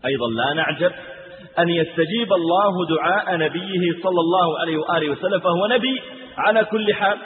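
A high-pitched male preacher delivers a dramatic sermon, his voice rising for cries and sliding into chanted verses. The sound is thin and phone-like, carried by long hall reverb. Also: fast talker, a little hiss or hum. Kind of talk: sermon storytelling.

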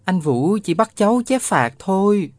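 Man doing a young stubborn grandson, earnest and insistent, pitched up and louder than the narration. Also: sing-song, unhurried, dry recording, exaggerated voice.

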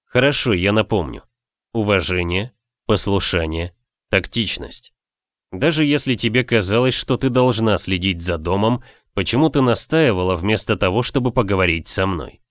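A man's voice: on the low side, lively intonation, moderate pace, dry recording, studio quality, close to an everyday voice. A man voicing a stern noble husband in an audiobook, speaking coldly in clipped, lecturing sentences. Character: stern lord husband, cold and controlled.

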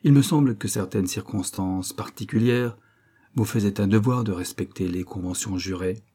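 Un homme lisant un livre audio prête sa voix à un jeune peintre ferme, au ton mesuré et formel. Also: male voice, lowish voice, mellow, natural voice. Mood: firm. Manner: measured, formal, pressing. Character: young painter, firm, controlled, growing angry.

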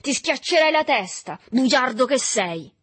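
A woman reading a novel aloud, voicing a brutal, dull-witted older teenage boy who shouts and taunts. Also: high-pitched, sing-song, a little slow, husky, pitched above the performer's own voice, heavily acted. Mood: accusing.

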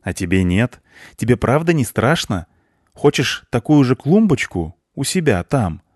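A man voicing a gruff, snappish young female cleaner in an audiobook. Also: mid-range voice, very animated, unhurried, darkish tone, no echo, clean studio sound, pitched above the performer's own voice. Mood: grumpy. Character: grumpy young female cleaner, sharp-tongued.

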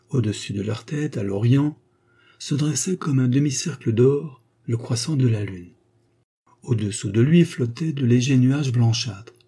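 A man reading a classic novel aloud in a measured, theatrical narration. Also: mid-range voice, warm tone, slightly rough. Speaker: audiobook reader.

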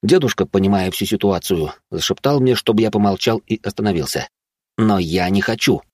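A man reading a first-person audiobook with a low, husky voice. His storytelling is terse and heated, and the dry, close sound has no room around it. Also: brisk, no room sound. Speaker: narrator.

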